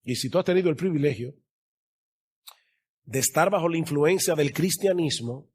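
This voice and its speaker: A male pastor preaching a sermon, stressing key words by slowing down and growing louder. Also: a little high, slightly rough.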